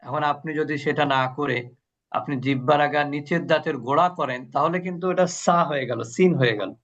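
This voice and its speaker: A man teaches an online recitation class, his voice a little high and muffled by the video call. He speaks patiently, drills the letter sounds and keeps asking his students questions. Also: brisk, fairly bright tone. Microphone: video call mic.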